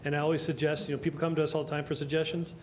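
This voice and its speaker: At a public meeting, a city official answers questions about stormwater issues in a reassuring way. His voice is fairly high with a level tone, he talks very fast, and there's slight background noise.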